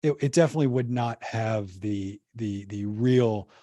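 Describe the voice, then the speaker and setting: Here a man with a lowish, dark-toned voice shares history as a podcast guest at a moderate pace. His storytelling is casual and meandering, packed with fillers and false starts, and the recording has no room sound.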